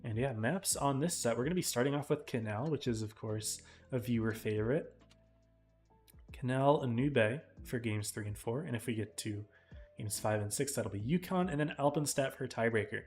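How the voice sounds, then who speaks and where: A man casting a live esports match in a casual, chatty way, his voice tiring and often clearing his throat. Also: mid-range voice, normal speed, darkish tone, soft background music. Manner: casual, chatty, talks to chat viewers. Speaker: esports caster.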